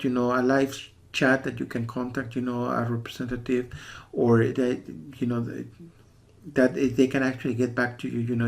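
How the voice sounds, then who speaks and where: A man from the USA with a creaky, mid-range voice gives a casual spoken software review meant as a warning to viewers. He rambles and insists, often repeating himself.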